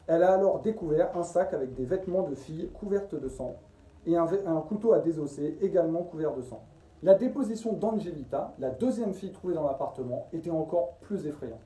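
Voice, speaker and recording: A man's voice: a little high, dark tone. A man narrating a scripted true-crime story as a storyteller and host. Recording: roomy echo, distant from the mic.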